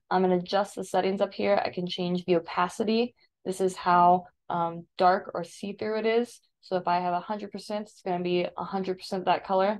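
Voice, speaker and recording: A female instructor with a mid-range voice narrates a screen recording, informally walking through a software tutorial step by step.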